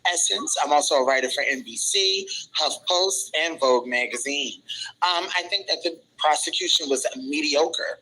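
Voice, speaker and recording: A man stopping by a live stream as a guest writer, giving quick, witty opinions and plugging himself. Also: on the high side, bright, forceful tone, low-quality recording. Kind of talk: casual on-the-street interview.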